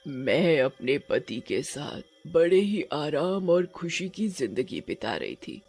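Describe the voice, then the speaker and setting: A woman voicing a sorrowful female ice witch ghost in a cartoon, telling her story slowly and mournfully. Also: low-pitched, very animated, a little mellow, slightly rough, soft background music, pitched below the performer's own voice, full character voice. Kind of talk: Hindi cartoon voice acting.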